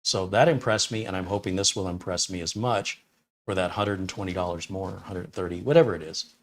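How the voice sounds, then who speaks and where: A deep-voiced man from Detroit, USA, in his fifties or sixties, talks fairly quickly while hosting a casual tech-review live stream from a small home studio room. He rambles and answers viewer questions with blunt opinions.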